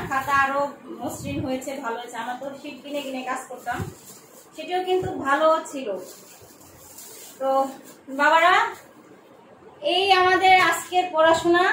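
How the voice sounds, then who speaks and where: A woman's voice: high-pitched, background noise. A middle-aged woman from Bangladesh, a geography lecturer giving an online lesson to students in a chatty, motherly way, with frequent filler sounds. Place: room at home. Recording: echoey room, mic at a distance.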